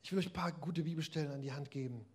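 Guy preaching casually, talks right to the crowd, kinda high pitched. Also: very fast, darkish tone, breathy edge. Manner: conversational, addresses listeners directly. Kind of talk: sermon.

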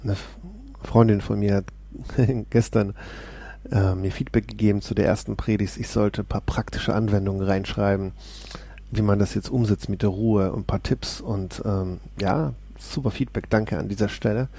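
A man's voice: lowish voice, steady tone, normal speed, creaky, dark tone, husky. A man hosting a devotional video, reading a psalm and eagerly encouraging the viewers as he goes. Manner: enthusiastic, exclaims often, speaks straight to viewers. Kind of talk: casual devotional talk with Bible reading.

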